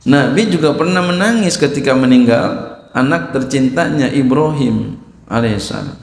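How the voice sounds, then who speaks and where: Male preacher, gravelly voice, teaching line by line, big echoing hall. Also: mid-range voice, expressive, normal speed. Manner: explains Arabic text phrase by phrase, asks the audience questions. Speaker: Islamic teacher. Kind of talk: sermon. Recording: echoey hall.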